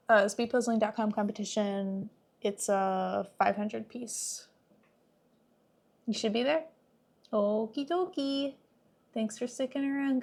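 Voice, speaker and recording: A woman's voice: medium pitch, vocal fry, darkish tone. A woman hosting a livestream, chatting casually with her viewers. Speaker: live streamer hosting.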